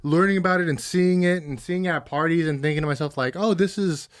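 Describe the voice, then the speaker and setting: Podcast guy, deadpan storytelling, easy casual chat. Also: fairly high pitch, quick pace. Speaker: podcast host.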